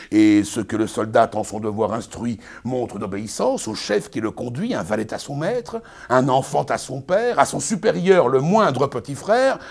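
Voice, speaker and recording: A pompous, domineering master , acted by a man, lectures his young bride in classical verse. The delivery is hammy and declamatory, swinging widely in pitch, with a husky edge. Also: full character voice. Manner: hammy, declamatory stage acting. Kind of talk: classical French verse theatre monologue.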